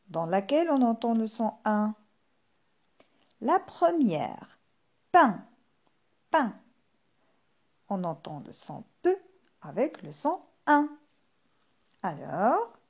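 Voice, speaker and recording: Slow, lively-voiced woman teaching phonics. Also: a little high, highs cut off. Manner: slow, clearly articulated, repeats each word twice. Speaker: primary school teacher. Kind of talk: slow phonics lesson for young children.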